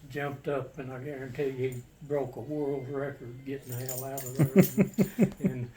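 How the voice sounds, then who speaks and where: An older man, a war veteran, casually recounting his memories in a halting, matter-of-fact, plain-spoken way. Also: medium pitch, little pitch movement, warm tone. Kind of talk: casual personal storytelling. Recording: distant mic with faint background noise.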